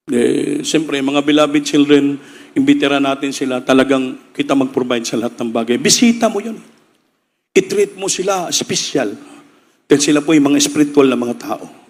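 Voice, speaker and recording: A man's voice: mid-range voice, normal speed, long reverb tail. A man with a Filipino accent preaching a midweek sermon, telling a story and acting out the people in it. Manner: storytelling, shifting into dramatic quoted voices. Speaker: pastor preaching.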